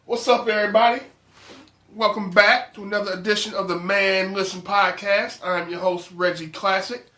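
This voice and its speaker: Podcast host, man, high bright voice, nasal from a cold, joking and slangy, echoey room, sits back from the mic. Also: fairly even intonation, moderate pace, distant mic. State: congested with a winter cold. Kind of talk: casual chat.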